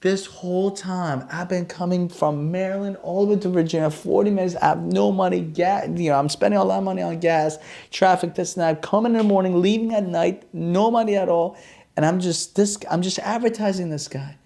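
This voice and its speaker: A man's voice: high-pitched, a little fast, creaky. A man who works as a chiropractor, hosting a podcast and telling a casual story about his own experience, acting out the dialogue with animation. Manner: animated, acts out quoted dialogue.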